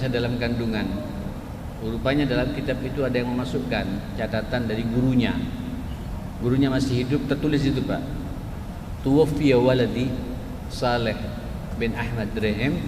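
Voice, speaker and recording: Man in his sixties preaching in an echoey mosque. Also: mid-range voice. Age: 60s. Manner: addresses listeners as Pak and jamaah often. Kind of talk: mosque sermon. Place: mosque hall. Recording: echoey mosque hall with noise.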